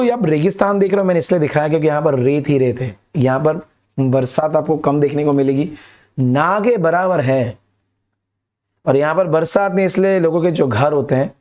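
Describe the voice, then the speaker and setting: A man's voice: fairly high pitch, a little mellow. A young man explains a lesson to students directly and mixes English words into his talk. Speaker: teacher. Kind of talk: animated classroom lesson.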